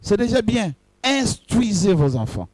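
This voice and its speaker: A man's voice: sits high, very animated, unhurried, darkish tone, no room sound. A man, a pastor, preaching a sermon in short phrases and addressing his congregation directly.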